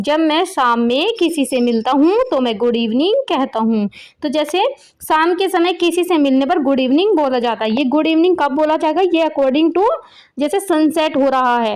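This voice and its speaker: A woman with an Indian accent teaching a children's English lesson. She reads the English lines very slowly, then explains each word in simple terms. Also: high voice, darkish tone.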